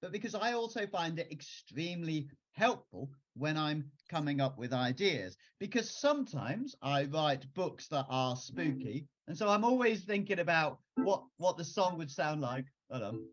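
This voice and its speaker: A man's voice: fairly high pitch, big pitch swings, moderate pace, hardly any pauses, lo-fi sound. A man, a children's author, talking casually on a video call and performing his own songs and raps at a piano. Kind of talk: casual talk with singing and rapping. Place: at a piano, home. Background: piano music.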